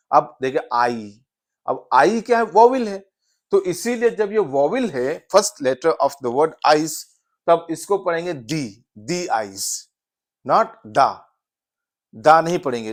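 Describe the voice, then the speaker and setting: A man teaching an English grammar lesson, switching between Hindi and English, spelling words out letter by letter and answering his own questions. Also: high-pitched. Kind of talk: classroom-style grammar lesson.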